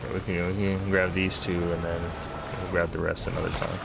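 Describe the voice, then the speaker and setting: A man's voice: low voice, level tone, a little fast, creaky, heavy background noise. A man hosting a gaming video, giving casual, slangy commentary as he thinks aloud. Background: game music.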